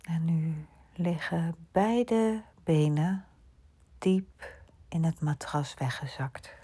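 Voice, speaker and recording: A woman leads a bedtime relaxation in a hushed voice that often drops to a whisper. Her pace is very slow and her tone is dark and mellow, with a breathy, husky edge and a fairly low pitch. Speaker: sleep meditation guide. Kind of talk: guided sleep relaxation.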